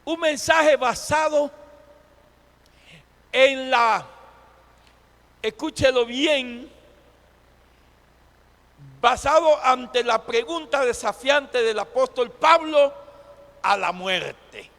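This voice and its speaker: A male pastor preaching a sermon, breaking into shouts and then dropping to near whispers. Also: very high-pitched, very slow, long pauses, long reverb tail. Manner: preaching with sudden shouts and dramatic drops in volume.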